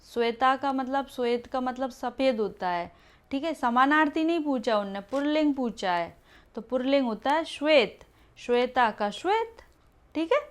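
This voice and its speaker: A woman's voice: high-pitched, lively intonation, moderate pace. A woman teaching Hindi grammar for an exam, explaining each answer step by step and checking in with "ठीक है" after each point.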